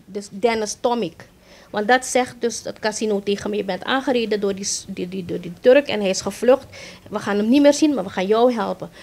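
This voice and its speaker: Middle-aged woman, surinamese dutch accent, higher voice, halting account, many restarts. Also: a little mellow. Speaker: interviewee, accident victim. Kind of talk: emotional first-person account in an interview.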